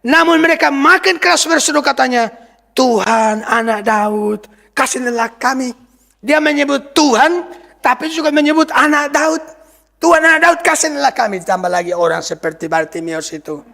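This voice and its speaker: An Indonesian pastor preaches in a church hall, frequently asking the congregation questions and driving his points home with emphasis. His voice is very high, gravelly, bright, and forceful, at a moderate pace, with church hall reverb on the recording.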